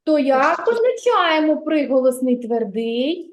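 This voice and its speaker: A kindergarten teacher woman leading a literacy lesson, her voice high and her pace slow and deliberate. She is patient and encouraging and praises the little ones often. The sound carries the echo of a roomy classroom. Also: very animated, slight background noise.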